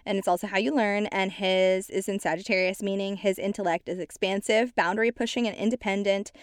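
A woman's voice: mid-range voice, brisk, clean tone, no room sound, studio quality. Chatty young woman podcast host. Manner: chatty, lots of "like", animated retelling. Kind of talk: casual chat recapping a reality show.

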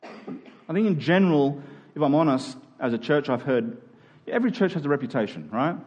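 Through lo-fi sound comes a man's slightly high, expressive voice with a darkish tone at a moderate pace. An Australian pastor, he preaches a sermon earnestly and conversationally, frequently questioning his listeners.

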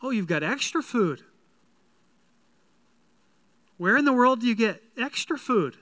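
A man's voice: high-pitched, very animated, moderate pace, fairly bright tone, no echo. A man playing an astonished, curious visitor from ancient times in a sermon skit, full of wide-eyed questions.

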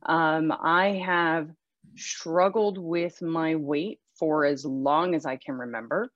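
A woman's voice: deep voice, takes it slowly, no echo. A woman in her forties from Western Pennsylvania, a guest telling her story in a chatty, self-deprecating way. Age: 40s. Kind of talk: casual interview. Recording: muffled, dull sound.

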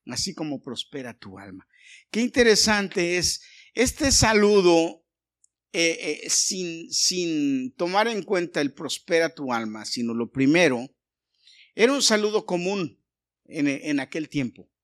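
A man's voice: sits high, animated, slow. A middle-aged man, a pastor, preaching a conversational sermon and telling personal stories, often restarting his words.

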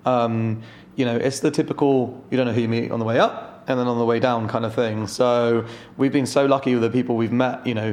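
A man's voice: medium pitch, a little mellow. A man, a startup founder in a casual interview, talking candidly and swearing freely. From London.

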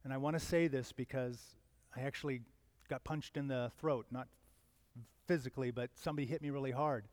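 A man in his fifties preaching a sermon in an earnest, conversational way, with sudden loud emphatic swells. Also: medium pitch, steady tone, brisk, no room sound. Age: 50s. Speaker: pastor.

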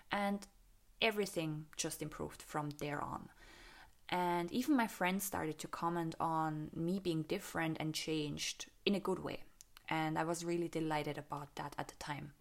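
Woman, slightly low voice, casual reflective storyteller who laughs easily and checks in with "right?". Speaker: meditation vlogger sharing her experience.

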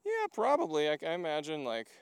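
Walking outdoors toward a lookout, this Hungarian podcast guest talks briskly in a gravelly, slightly high voice whose pitch swoops wildly. He rambles casually through his stories, leaning heavily on fillers and saying "like" over and over.

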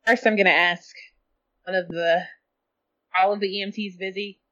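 A woman's voice: medium pitch, fairly even intonation, normal speed, a bit bright. Woman player on a dull lo-fi line. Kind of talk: playing a tabletop game. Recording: dull lo-fi sound.

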